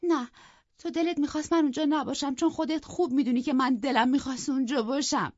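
A woman voicing a tearful, jealous and petulant young woman in an audiobook, her voice high and strained. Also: steady tone, darkish tone, no room sound, natural voice. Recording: dull, dry lo-fi recording.

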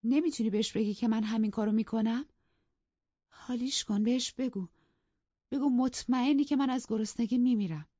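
A woman's voice: a little high, dark tone, no room sound, highs cut off, voice pushed up, close to an everyday voice. Woman putting on a distraught starving young lady. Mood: frantic. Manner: pleading, agitated, frantic outbursts. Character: ailing young woman, distraught, self-pitying.

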